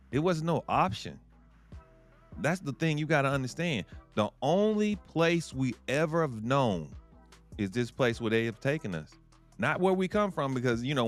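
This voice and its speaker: A man co-hosting a casual commentary show, talking in a measured, earnest, conversational way. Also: medium pitch. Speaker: co-host.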